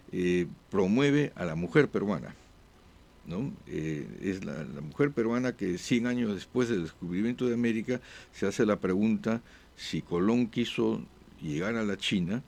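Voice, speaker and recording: Gravelly low-voiced man, halting speech. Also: a little mellow. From born abroad. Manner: halting, frequent "eh" pauses and restarts. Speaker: guest diplomat. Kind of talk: conversational interview answers.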